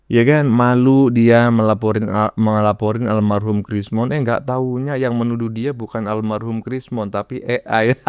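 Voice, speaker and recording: A man's voice: medium pitch, fairly even intonation, moderate pace, darkish tone, clear, resonant tone, no room sound. A man in casual political commentary, chatty and checking for agreement as he talks. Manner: chatty, keeps asking "ya kan?" for agreement.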